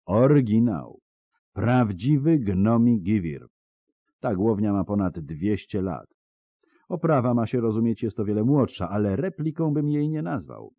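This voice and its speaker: A man voicing a grave, solemn old swordsmith in an audiobook, speaking in slow, measured tones. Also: on the low side, animated, no room sound, phone-quality sound, voice pushed up. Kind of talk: audiobook character voice.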